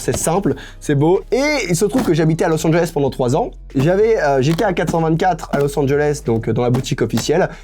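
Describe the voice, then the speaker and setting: A man's voice: on the high side, mellow. A young man talking casually in an unscripted vlog about his sneaker collection, enthusiastic and chatty, dropping English slang into his speech. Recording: music playing faintly behind.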